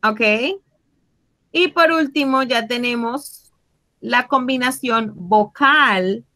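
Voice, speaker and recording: A woman's voice: on the high side, bright, forceful tone, poor audio. A woman teaching English grammar to Spanish speakers, explaining patiently, drawing out example words and checking in with frequent tag questions. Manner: switches between Spanish and English; slow, drawn-out example words.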